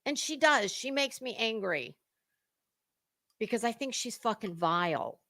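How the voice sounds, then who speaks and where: Bright and forceful, her voice sits on the high side and stays animated at a measured pace. The woman, an online commentary creator, delivers an unscripted rant to viewers that's sweary, blunt and combative, with heavy stress on emphatic words.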